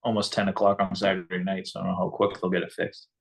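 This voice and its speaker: Low-ish male voice, laid-back fan co-host, reads chat aloud, from Canada. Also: quick pace, gravelly. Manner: relaxed, chatty, reads out viewer comments. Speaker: co-host of a fan game-watch stream. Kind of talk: casual live game chat.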